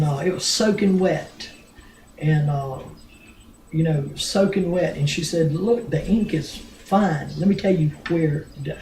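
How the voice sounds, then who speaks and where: An older grandmother telling a family story in a rambling, blunt way, with many pauses and restarts. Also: sits low, mellow, a little hiss or hum. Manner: blunt, earthy, with mild swearing. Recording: roomy home recording.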